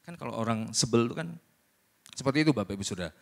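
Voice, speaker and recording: A man preaching a sermon at a church service, lively and colloquial, who often acts out voices. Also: medium pitch, racing, gravelly.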